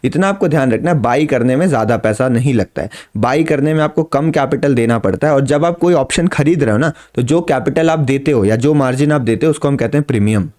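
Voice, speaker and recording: A man with a mid-range, slightly mellow voice talks fast, hardly pausing. In his explanatory trading lesson to camera, he patiently walks beginners through points more than once, using simple everyday examples.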